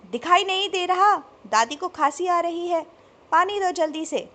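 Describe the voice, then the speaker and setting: A woman voicing a strict, angry middle-aged father who shouts and scolds. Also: very high voice, animated, unhurried, voice pushed up, heavily acted.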